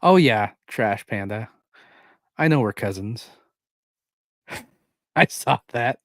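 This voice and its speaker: A man's voice: lowish voice, expressive, slow, no echo. A man co-hosting a casual streamed podcast chat, often repeating words as he starts a sentence. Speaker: podcast co-host.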